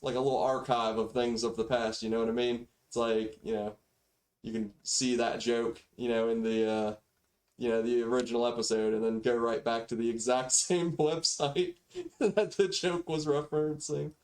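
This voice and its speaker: A man's voice: medium pitch, moderate pace. A male game streamer talks off the cuff to his chat in an ordinary mid-range voice. His delivery is rambling and slangy, with a mild grumble to it. It is picked up on a cheap default microphone. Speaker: game livestreamer. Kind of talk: casual livestream chat. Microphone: default backup microphone after main mic failed.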